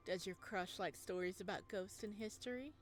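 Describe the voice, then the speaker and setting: A woman with a natural, mid-range voice reads a visual novel aloud at normal speed over soft background music. She voices a teasing, playful young librarian who is an old friend of the hero.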